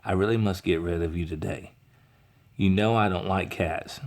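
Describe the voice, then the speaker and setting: A man voices a gruff, lonely storybook grump who keeps insisting he hates cats. He grumbles and sighs in a deep, low voice, a children's story read aloud. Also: steady tone, normal speed. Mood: exasperated.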